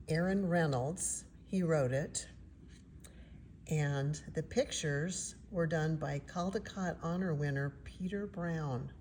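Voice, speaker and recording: An elderly woman whose voice sits low and mellow is reading a children's picture book, pulling her phrasing out slowly to heighten the suspense. She chats with listeners along the way, and background noise is clearly audible.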